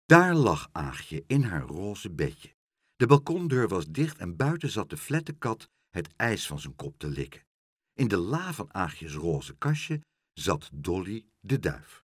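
A man reads a children's story aloud in a husky voice, his pitch rising and falling widely. He tells it expressively. The sound is dry and close. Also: takes it slowly, no echo. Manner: expressive, doing all the voices.

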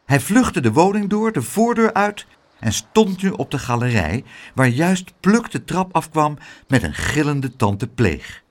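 Animated male storyteller reading a children's book. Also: a little high, unhurried. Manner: expressive, dramatic storytelling. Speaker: narrator.

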